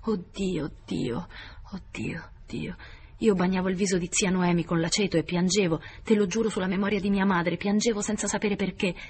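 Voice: medium pitch, fairly even intonation, normal speed, darkish tone, slight background noise, lightly acted. A reader voicing an anguished, impulsive young man who pleads and breaks into whispers, in an audiobook. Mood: distressed. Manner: emotional, pleading, sometimes whispered. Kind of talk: audiobook character voice.

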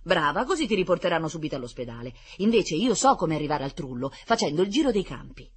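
A woman's voice: low-pitched, very animated, voice pushed up. A woman voicing a clever, bossy little girl who lays out plans like a schoolteacher, in a storybook reading. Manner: brisk, instructive, in charge.

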